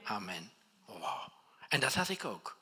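A middle-aged man preaching a conversational, animated sermon as a pastor, often restarting his sentences. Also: fairly low pitch, a little slow, husky.

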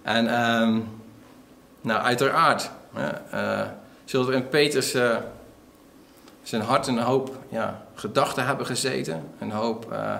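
Man, pastor, sermon, animated retelling, many fillers, echoey room. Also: medium pitch, slow, vocal fry, slight background noise.

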